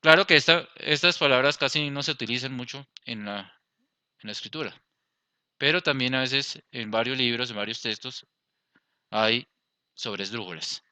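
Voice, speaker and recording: A man's voice: medium pitch, normal speed, bright, forceful tone, clear, resonant tone, dry recording. A man with a Colombian accent teaching a Spanish grammar lesson, explaining step by step and checking in with his class. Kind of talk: grammar lesson over slides.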